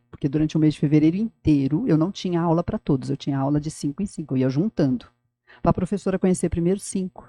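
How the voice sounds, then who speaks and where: Speaking directly to the listener, a middle-aged ex-school director recounts stories in a lively podcast interview. Her pitch is fairly low, and the recording has no room sound.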